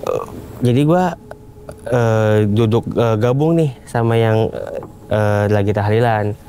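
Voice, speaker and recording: A young man recounts a story in relaxed street slang. His voice is mellow and sits at a middle pitch, and he jumps into the quoted voices of the people in the tale. A faint hiss of room noise stays underneath him. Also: takes it slowly. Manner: animated retelling in casual Jakarta slang, acts out quoted voices. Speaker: guest storyteller. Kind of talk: casual storytelling.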